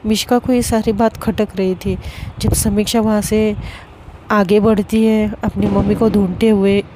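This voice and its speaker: A young woman narrating a serialized story in a slow, deliberate way, often stumbling and restarting words. Her tone is mellow and darkish. Faint background noise sits behind her voice. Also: medium pitch, flat delivery.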